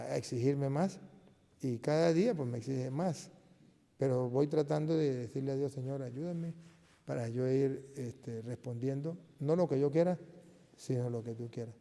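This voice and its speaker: Earnest priest with a gravelly voice. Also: male voice, mid-range voice, mellow. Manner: earnest, emphatic, with many restarts. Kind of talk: personal testimony talk. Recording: long reverb of a large hall.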